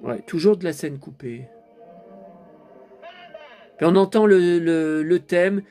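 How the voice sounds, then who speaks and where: Over soft background music, a man speaks slowly in a warm, slightly high voice. He's a vlogger watching and reviewing a DVD, keeping up a casual commentary, often turning to viewers with tag words and muttering when flustered.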